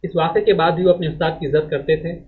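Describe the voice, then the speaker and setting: A male teacher reads a text aloud to students and explains it, speaking in a measured lecturing way. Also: fairly high pitch, steady tone. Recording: phone-like narrow band audio.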